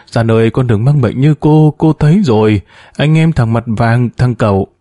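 A man's voice: mid-range voice, moderate pace, dark tone, no room sound, studio quality, close to an everyday voice. A man reading a story, voicing a frail, delirious old woman teacher who mumbles.

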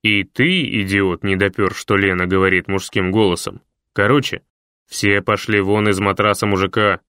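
A man's voice: lowish voice, steady tone, normal speed, pushed and bright, clean tone, dry recording. Male reader doing a blunt grumbling talking mattress, dry close sound. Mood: bossy. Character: gruff coarse talking mattress, grown man.

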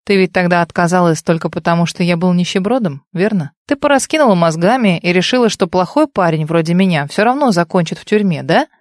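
A woman's voice: lowish voice, lively intonation, fast, hardly any pauses, no echo, close to an everyday voice. Woman reading a cold, mocking young man. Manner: dry, mocking.

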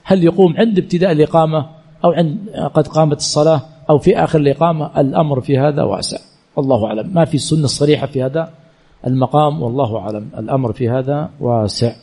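In a religious lesson, a man teaching Islamic jurisprudence as a sheikh reads out listeners' questions and answers them quickly. His voice is fairly high with a dark tone, and his colloquial replies are full of repeated phrases and self-corrections.

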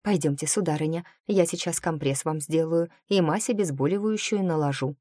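A woman voicing a flustered, kindly young female maid in an audiobook, with fussy, quick exclamations. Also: sits low, mellow, no echo, studio quality. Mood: soothing. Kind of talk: audiobook character voice.

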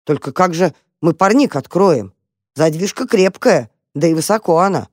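A storyteller voicing a brave, curious young male mouse who talks briskly and takes charge. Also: mid-range voice, no echo, studio quality, lightly acted. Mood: eager, impatient. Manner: lively, bossy, impatient.

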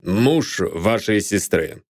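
A man voicing a reserved, grieving nobleman who speaks slowly and quietly in an audiobook. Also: on the low side, lively intonation, heavily acted. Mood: subdued.

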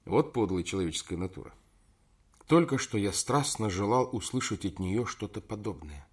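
Husky male audiobook narrator. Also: lowish voice, expressive, moderate pace. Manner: first-person storytelling, emphatic in dialogue.

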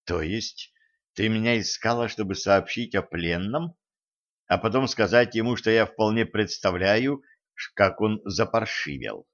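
A man reading an audiobook, voicing a cautious, quick-witted young woman who asks guarded questions. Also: fairly low pitch, animated, fairly bright tone, lo-fi sound.

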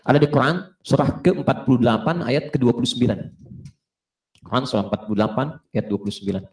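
A male Islamic preacher giving a lively religious lecture to a live audience, asking them questions and acting out short dialogues. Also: mid-range voice, fast. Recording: roomy echo of a hall.

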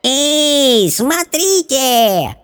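A male audiobook narrator voicing a rude, bossy caged goblin with a shrill, squeaky voice. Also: sing-song, very slow, a bit bright, no room sound, clean studio sound, exaggerated voice. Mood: threatening. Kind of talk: audiobook character voice.

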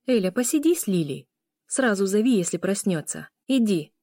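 A woman voicing a gentle, peacemaking she-wolf sister in an audiobook, soft and soothing. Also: fairly high pitch, animated, normal speed, no echo, clean studio sound, pitched above the performer's own voice, natural voice.

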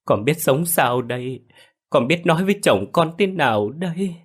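A man's voice: on the low side, moderate pace, natural voice. A man voicing a scheming young wife who fakes tearful grief with wailing, sobbing pleas in a told story. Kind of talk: storytelling with acted dialogue.

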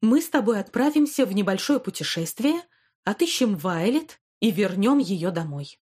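A woman's voice: mid-range voice, very animated, normal speed, husky. A woman reading an audiobook, voicing a caring but stern elderly grandmother who scolds and comforts her granddaughter. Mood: reassuring. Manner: warm but stern, reassuring. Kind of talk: audiobook character voice.

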